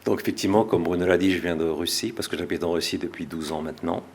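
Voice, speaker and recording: A middle-aged French man, an author, giving a relaxed public talk with small self-corrections. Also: sits low, quick pace, a little hiss or hum. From France. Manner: relaxed, self-deprecating, with restarts. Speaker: author and speaker.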